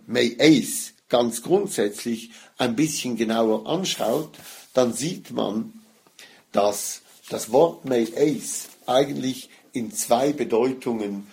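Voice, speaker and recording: Man, gravelly mid-pitch voice, lecturing on Torah, leans on key Hebrew words. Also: a little mellow. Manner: explanatory, stresses Hebrew words, mixes Hebrew and Yiddish terms. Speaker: rabbi teaching Torah.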